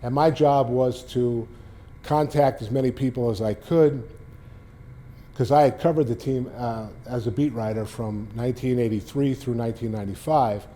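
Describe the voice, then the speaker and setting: Man, 60s, Boston accent, warm low-key voice, rambling anecdotal talk, faint rumble. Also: steady tone, moderate pace. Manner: rambling anecdotes with frequent restarts and fillers. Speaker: guest speaker, former sports beat writer. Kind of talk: casual storytelling talk to a library audience. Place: public library talk.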